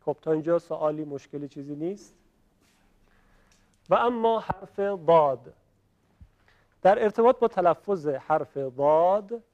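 A man teaching a class on pronunciation, explaining patiently, checking often that students follow and voicing sounds slowly to show them. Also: a little high, a little mellow, lo-fi sound. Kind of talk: classroom lesson on Quranic pronunciation.

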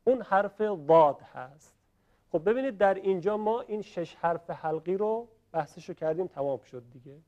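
A man teaching a class on pronunciation, explaining patiently, checking often that students follow and voicing sounds slowly to show them. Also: sits high, expressive, a little mellow, highs cut off. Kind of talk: classroom lesson on Quranic pronunciation.

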